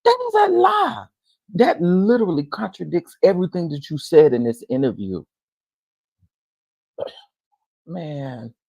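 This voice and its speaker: Host reacting to a clip: a man with a gravelly, husky voice, loud and scolding, dry close sound. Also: on the high side, big pitch swings, slow, pauses often, no room sound, poor audio. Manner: loud, scolding, talks straight to viewers. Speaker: reaction commentator. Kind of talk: reaction commentary.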